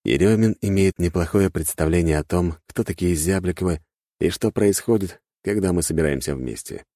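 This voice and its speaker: Male audiobook narrator: deep, animated, wry; close dry mic. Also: normal speed, no echo. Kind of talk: first-person audiobook narration.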